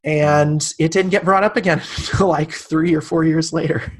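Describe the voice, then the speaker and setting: A man's voice: on the high side, fairly even intonation, moderate pace. A man in his late thirties, a podcast guest, telling a personal story in casual conversation and acting out the people he quotes. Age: 30s.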